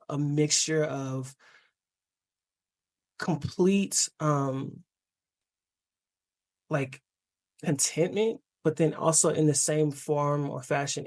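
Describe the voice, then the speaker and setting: A man's voice: fairly high pitch, vocal fry, a little mellow. A man from the Dallas area of Texas, a guest on a casual podcast chat over a remote call. He talks in a reflective, thoughtful way and chuckles between phrases.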